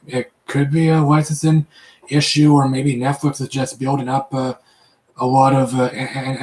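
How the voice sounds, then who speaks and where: A man hosting a casual live chat from his room, who talks in halting bursts full of repeated words and fillers. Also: medium pitch, darkish tone, reverberant, rough recording. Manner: halting, many repetitions and fillers.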